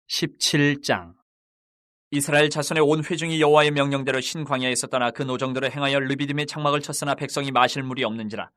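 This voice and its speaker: A man reads scripture aloud at a quick, unbroken pace. His delivery is steady and recited, and his voice sits at a middle pitch.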